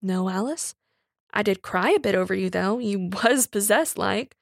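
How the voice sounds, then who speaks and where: A woman's voice: medium pitch, normal speed, gravelly, no echo, clean studio sound. A woman voicing an honest working-class young man who speaks in plain rustic dialect. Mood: earnest.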